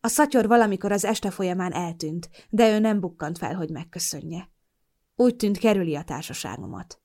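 A woman narrating a novel in the first person, in a calm, steady storytelling manner. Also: lowish voice. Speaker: audiobook narrator. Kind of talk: scripted narration.

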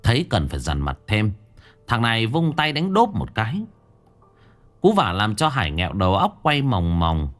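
A man narrating a story in a dramatic, expressive way. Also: lowish voice, moderate pace, soft background music.

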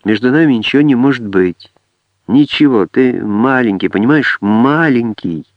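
A man's voice: medium pitch, animated, moderate pace, dry recording, close to an everyday voice. A man voicing a fierce, scornful young woman music student who scolds in a raised voice. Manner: scolding, exasperated. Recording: dry, dull lo-fi audiobook.

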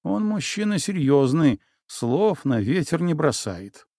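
A suspicious young necromancer woman, sharp-tongued and insistent, as a male narrator reads her lines. She presses her questions with a creaky, lively lilt. The recording is dry and close. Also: on the high side, slow, no echo, pitched above the performer's own voice, full character voice. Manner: prickly and insistent. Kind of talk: audiobook character voice.

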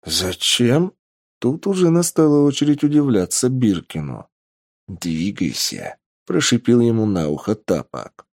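A man narrating an audiobook in an expressive storytelling manner. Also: mid-range voice, normal speed, dry recording, clean studio sound.

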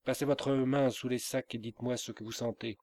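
A man voicing a boisterous wandering mollah who is really a bold trickster, declaiming slowly and with emphasis. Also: medium pitch, steady tone, darkish tone, no room sound, lightly acted. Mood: sly.

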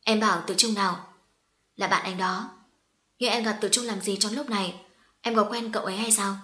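A woman's voice: mid-range voice, steady tone, sharp tone, roomy sound, lightly acted. A woman reading the lines of an anxious young man hurrying to fetch his friend for his sister. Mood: puzzled. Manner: breathless, hurried. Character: anxious young man, worried older brother.

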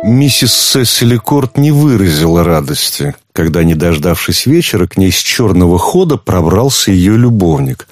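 A man narrating an audiobook in a measured, literary way. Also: sits low, sing-song, no room sound, faint music behind. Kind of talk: audiobook reading.

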